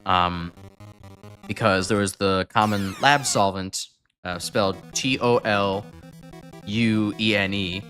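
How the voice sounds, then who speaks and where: Slow-paced and a bit bright, a lowish male voice carries a Chicago accent as a young local man chats casually on his game stream. He rambles, self-corrects and chuckles, with faint music in the background.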